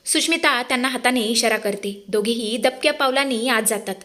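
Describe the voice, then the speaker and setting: A woman narrating a dramatic TV serial recap in an expressive way, addressing the audience directly. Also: a little high, a little fast.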